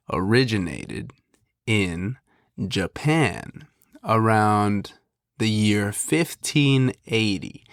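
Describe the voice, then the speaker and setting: A young man with a fairly low, stuffed-up nasal voice chats slowly and loosely, drifting from one thought to the next. He hosts a podcast, and his voice sounds close and dry with no room around it. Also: gravelly, no room sound. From Pacific Northwest. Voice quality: nasal from allergies. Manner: relaxed, rambling, drawn-out delivery. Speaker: podcast host. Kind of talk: casual podcast chat.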